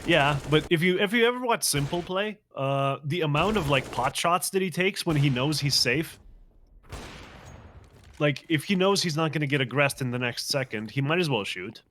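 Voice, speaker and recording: A man doing live play-by-play commentary on a competitive shooter match, reacting quickly to the action. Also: fairly high pitch, animated, fairly bright tone, slight background noise. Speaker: esports commentator.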